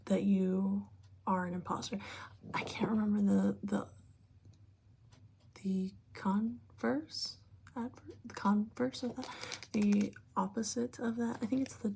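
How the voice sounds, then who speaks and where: A woman giving a breathy, whispered and very soft-spoken ASMR pep talk, speaking informally and gently to the listener. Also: medium pitch, level tone, slow, pauses often. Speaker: ASMR creator giving advice.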